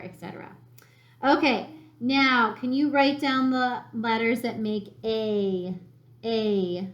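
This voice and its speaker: A woman teacher giving a recorded phonics lesson to young children, sounding out letters slowly and encouragingly. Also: medium pitch, lo-fi sound. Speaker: elementary school teacher. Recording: echoey room.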